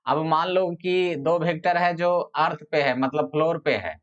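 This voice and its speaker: A male physics teacher giving a classroom lecture. He explains step by step and repeats each phrase slowly while dictating notes. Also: a little high, a bit bright, clean tone. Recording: dull lo-fi sound.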